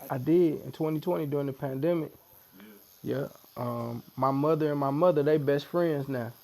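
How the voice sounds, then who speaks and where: A man with a St. tells his story in a relaxed, chatty way. His voice has a gravelly edge, and he slips into the voices of the people he quotes. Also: fairly high pitch, normal speed. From Missouri, USA. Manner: animated storyteller who acts out quotes. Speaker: podcast guest. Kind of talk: storytelling in casual conversation.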